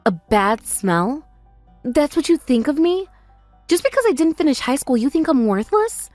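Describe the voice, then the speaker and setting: An actress playing a hurt, loyal young sister in a family drama, speaking in an earnest, emphatic way. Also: female voice, high voice, very animated, fast talker, darkish tone, no echo, faint music behind. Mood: hurt, defensive. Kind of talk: dramatized family-conflict story dialogue.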